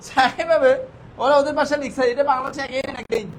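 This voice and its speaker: A man's voice: very high voice, steady tone, a little fast, rough recording. A male teacher giving a classroom vocabulary lesson, firing questions at his students and answering them himself. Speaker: English teacher. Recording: faint background noise.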